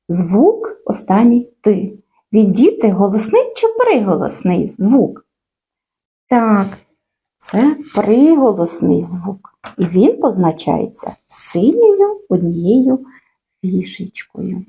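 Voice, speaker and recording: A woman teaching young children a phonics lesson, stretching out sounds and words in a slow, sing-song way. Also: mid-range voice, vocal fry, warm tone, breathy edge.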